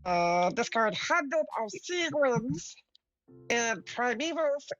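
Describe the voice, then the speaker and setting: High-voiced woman on dull lo-fi audio. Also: very animated, slow pace, faint music behind. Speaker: card game player. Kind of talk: casual game chat.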